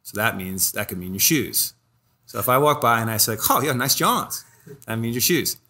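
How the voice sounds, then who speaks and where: A man's voice: fairly low pitch, lively intonation, fairly quick, sharp tone. A man from Philadelphia with a Philadelphia accent and a stuffy nose, chatting as a podcast guest and explaining things with lots of examples and restarts. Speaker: guest, restaurant food and beverage director. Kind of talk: casual podcast conversation.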